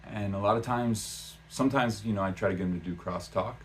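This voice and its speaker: A man's voice: fairly low pitch, brisk, a little hiss or hum. A man talking casually in a vlog about learning a language, rambling with lots of "um" and "uh" and restarting his sentences. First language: English. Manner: rambling, many fillers and restarts.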